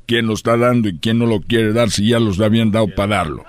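Playful low-voiced comedian. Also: male voice, fairly even intonation, fast. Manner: playful, absurd rants. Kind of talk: comedic storytelling and silly singing.

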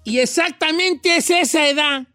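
A man hosting a comedic radio show with a folksy, rambling way of telling stories. His voice is bright and forceful. The studio sound is dry and close. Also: very high voice, normal speed, no echo, faint music behind. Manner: folksy, joking, rambling storyteller.

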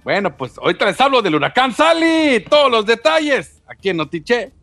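A man's voice: very high-pitched, sing-song, a little fast, creaky, bright, forceful tone, faint music behind. A man co-presenting the news in a laid-back, casual way.

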